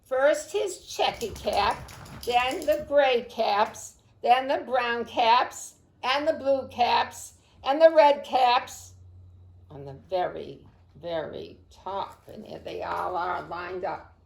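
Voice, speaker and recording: A woman librarian reading a picture book aloud to children, expressive and unhurried, praising the kids by name. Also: on the high side, gravelly. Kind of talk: storytime read-aloud. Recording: roomy echo.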